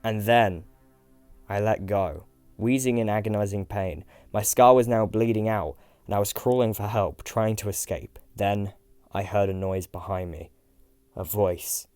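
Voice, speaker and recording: A man telling a first-person horror story in a dramatic way, swinging from hushed mumbling to loud shouts. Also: on the low side, fairly even intonation, unhurried, clean tone, no echo. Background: faint music.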